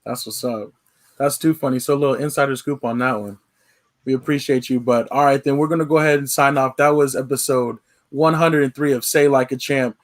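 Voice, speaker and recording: Male podcast host, mid-pitch, easygoing delivery, lots of ums. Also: steady tone, fairly quick. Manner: laid-back, filler-heavy. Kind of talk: casual sign-off chat.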